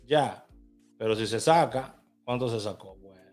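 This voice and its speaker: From inside a car, a man in a casual vlog shows viewers how he places lottery bets on his phone, talking them through the screen. His voice is medium-pitched and darkish, his pace measured, and faint music plays behind him.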